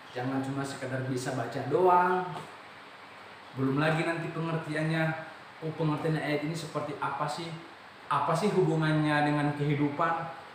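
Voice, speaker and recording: A man's voice: a little high, a little hiss or hum. An Indonesian man teaching Quran reading, explaining patiently and often checking that his listeners follow. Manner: explains slowly, often checks understanding, stretches out recited syllables. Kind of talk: classroom lesson. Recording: very echoey room from far off.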